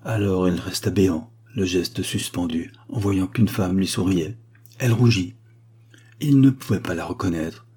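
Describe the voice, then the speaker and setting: A man reads literary fiction aloud at a measured, expressive pace. His voice is low and dark, with a husky, breathy texture. He sounds like an audiobook narrator carrying a quiet story.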